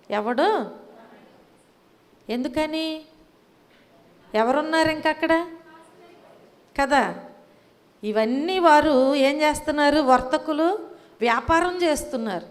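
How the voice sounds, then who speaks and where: Slow high-voiced woman preaching a sermon. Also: long reverb tail. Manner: emphatic, asks the congregation questions and repeats key phrases. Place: church hall.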